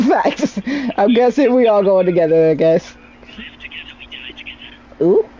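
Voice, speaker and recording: A young woman streamer with a lively, bouncing voice that swings freely up and down as she giggles and sings snatches between remarks. Her tone is soft and mellow rather than bright. She talks slowly and playfully over a faint hiss. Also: medium pitch, poor audio. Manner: giggly, sing-song, playful. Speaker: game streamer. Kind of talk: casual gaming chat.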